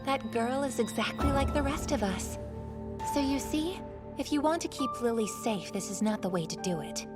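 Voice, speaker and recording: A woman's voice: on the high side, animated, moderate pace, loud music behind the voice, natural voice. A woman voicing an icy, disdainful girl soldier. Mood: contemptuous. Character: aloof, contemptuous teenage girl soldier. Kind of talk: anime English dub acting.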